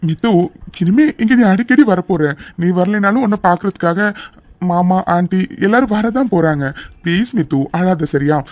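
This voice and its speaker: Someone playing a calm, affectionate young husband. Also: medium pitch, moderate pace, dry recording, close to an everyday voice. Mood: coaxing. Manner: calm, reassuring. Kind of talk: cartoon drama voice acting.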